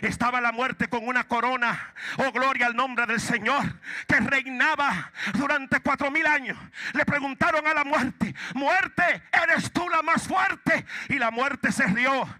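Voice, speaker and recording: High-pitched shouting male preacher. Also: a little slow. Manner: call-and-response preaching, shouting lines. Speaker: pastor. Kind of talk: preaching a sermon. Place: church sanctuary.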